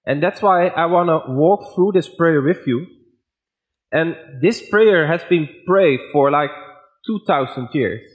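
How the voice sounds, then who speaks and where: A guest preacher with a Dutch accent and a somewhat high voice delivers a sermon in simple, plain English at a measured pace.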